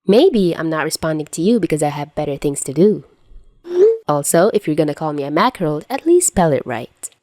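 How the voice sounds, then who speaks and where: A woman's voice: low voice, expressive, brisk, warm tone, no room sound, clean studio sound. A woman reading the part of a sullen, sarcastic teenage boy who answers spitefully, in a podfic.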